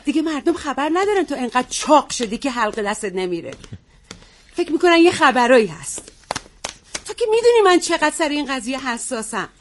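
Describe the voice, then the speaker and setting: A woman's voice: high voice, sing-song, a little hiss or hum. An actress playing a screenwriter wife who nags her husband indignantly. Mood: nagging. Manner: nagging, indignant.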